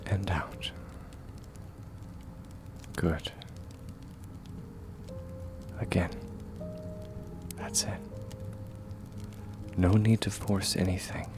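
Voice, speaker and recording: Man voicing Kyojuro Rengoku, deep, slow, gentle warrior. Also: fairly even intonation, music in the background. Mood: soothing, earnest. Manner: gentle, reassuring, measured, often hushed to a whisper. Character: kind, steadfast young warrior man comforting a weary companion. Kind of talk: ASMR comfort roleplay.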